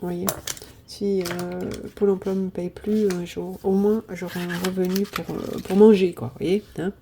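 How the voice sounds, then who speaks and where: A woman in her 50s from southern France chats casually with viewers about her weekly budget, speaking in a lowish, gravelly voice with flat delivery at a moderate pace. As a budgeting vlogger she's chatty and hesitant, full of fillers and repeated "voilà, voilà." There's a noisy background.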